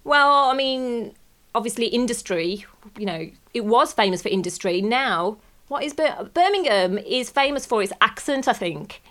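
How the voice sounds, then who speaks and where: A woman's voice: on the high side, animated, normal speed, fairly bright tone. A young woman from Bromwich, chatting in an interview and peppering her answers with "like". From West Bromwich, England. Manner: chatty, frequent "like" fillers.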